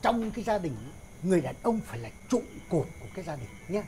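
A man's voice: high voice, sing-song, fast, warm tone, a little hiss or hum. A man, playing a bossy older father-in-law who lectures in a slapstick sketch. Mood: lecturing.

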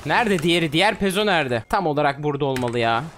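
A man in his twenties giving excitable, trash-talking commentary on his own gameplay. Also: fairly high pitch, fast, slight background noise. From Turkey. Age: 20s. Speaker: gaming streamer.

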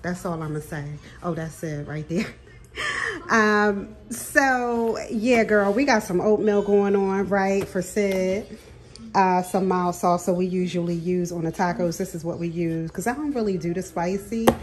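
In her home kitchen, a middle-aged vlogger with a fairly low voice chats casually with viewers as she films groceries, often laughing and addressing them as "girl." The phone camera captures her hands over a counter, with a little hiss or hum in the audio.

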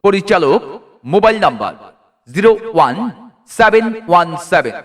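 High-voiced man calling through a megaphone. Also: big pitch swings, recorded from a distance. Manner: calling out, drawn-out repeated slogans. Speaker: advertising announcer. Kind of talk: loud promotional miking announcement.

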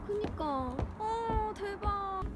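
High-voiced young woman, playful chatter. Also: little pitch movement, extremely slow, over loud music. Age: 20s. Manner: playful, sing-song baby talk to her dog. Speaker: vlogger. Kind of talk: casual vlog chat.

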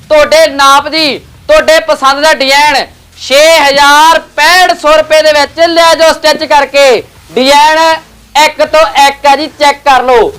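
A man giving a shopkeeper's sales pitch, emphatic and repeating prices and phrases. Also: pushed and bright.

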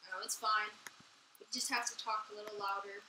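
A woman's voice: medium pitch, flat delivery, brisk, pushed and bright, a little hiss or hum, low-quality recording. A woman chatting while playing a computer game at home, explaining game stats and questioning her partner. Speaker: gameplay channel co-host. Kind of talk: casual gameplay chat.

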